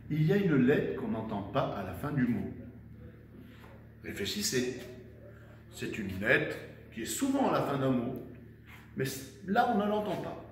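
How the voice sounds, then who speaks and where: A man teaching young children a dictation lesson with an animated storytelling tone, spelling words out slowly syllable by syllable. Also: mid-range voice, distant mic. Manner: animated storytelling tone, personifying letters; slow, syllable by syllable. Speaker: primary school teacher. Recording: echoey room, voice from afar, faint noise.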